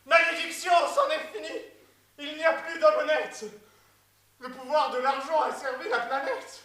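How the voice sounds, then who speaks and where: Actor doing cowardly nosy greek pal in a stage farce, high bright voice, melodramatic, echoey. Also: fairly even intonation, moderate pace. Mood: suspicious. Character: suspicious, cowardly, melodramatic Greek friend, male. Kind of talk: farcical stage comedy dialogue. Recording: roomy, distant mic.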